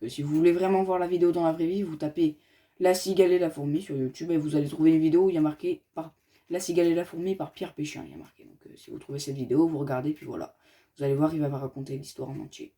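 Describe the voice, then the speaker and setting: A man's voice: a little high, steady tone, very fast, dark tone. A man giving casual game commentary as a gaming youtuber, chatty and rambling, talking straight to his viewers.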